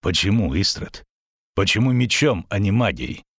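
A man reading an audiobook, voicing a grim, restrained male monster hunter who speaks slowly and quietly. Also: fairly low pitch, big pitch swings, slightly rough, dry recording, studio quality, full character voice. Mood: curt. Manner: slow, quiet, cold.

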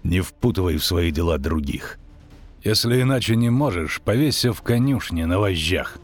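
A man reading an audiobook, voicing a grim, restrained male monster hunter who speaks slowly and quietly. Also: low-pitched, lively intonation, faint music behind. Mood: cold quiet. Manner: slow, quiet, cold.

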